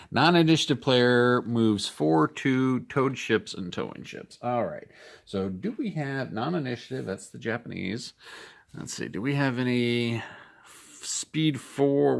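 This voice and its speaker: A middle-aged man from Denver casually talking through a tabletop wargame playthrough, thinking aloud in a relaxed, rambling way. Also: medium pitch, creaky. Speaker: board game video host.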